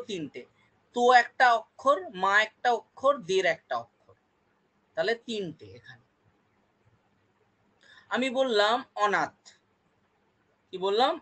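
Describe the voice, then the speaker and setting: High-voiced man teaching a class. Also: fairly bright tone. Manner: explains slowly, repeats words syllable by syllable. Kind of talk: online Bengali grammar class.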